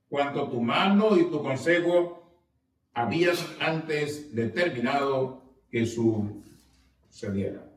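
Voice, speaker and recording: High-voiced preaching pastor in an echoey church. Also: male voice, a bit bright. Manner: preaching with call-and-response questions; reads scripture aloud with rising emphasis. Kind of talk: sermon. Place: church sanctuary. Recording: echoey church, mic at a distance.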